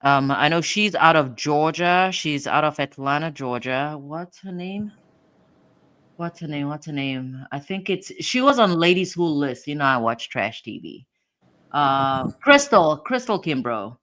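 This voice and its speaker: A woman's voice: deep voice, expressive, measured pace, a bit bright, no room sound. A woman hosting a livestream, giving casual commentary on court documents as she thinks aloud and repeats her phrases. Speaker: livestream host.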